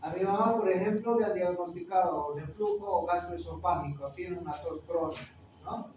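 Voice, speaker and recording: A middle-aged man with a Peruvian accent lecturing a classroom, a touch higher-pitched than most men. He keeps firing tag questions at his students between points. The room is very echoey and he sits well away from the mic, with a faint hiss behind. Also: moderate pace, darkish tone, distant mic. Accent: Peruvian Spanish. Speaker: teacher.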